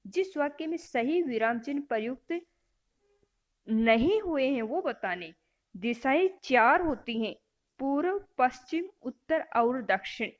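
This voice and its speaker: Lady teacher reading out quiz options then explaining the answer, talks slow. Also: high-pitched, animated. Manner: self-correcting. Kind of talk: exam-prep grammar lesson.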